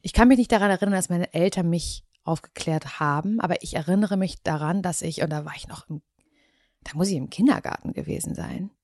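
A woman's voice: fairly low pitch, a little fast, a little mellow, no room sound, studio quality. A woman from Mecklenburg with a light Mecklenburg accent, chatting casually on a podcast, laughing easily and restarting her sentences. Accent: Mecklenburg German. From Mecklenburg, Germany. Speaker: podcast co-host. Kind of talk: casual chat.

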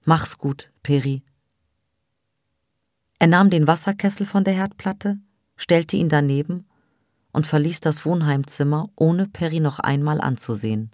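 Tiefe Frauenstimme, Hörbuch. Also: female voice, sits low, normal speed, a little mellow, no echo, clean studio sound. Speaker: audiobook narrator. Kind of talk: audiobook reading.

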